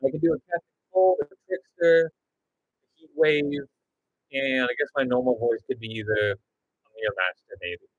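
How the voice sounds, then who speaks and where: A man's voice: mid-range voice, moderate pace, no room sound, highs cut off. A man chatting loosely and jokingly with his viewers as a stop-motion creator on a casual livestream.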